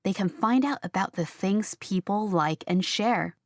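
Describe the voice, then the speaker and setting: A woman speaking as a graphic designer in a scripted textbook interview, explaining her work clearly. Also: mid-range voice, unhurried, dry recording, studio quality.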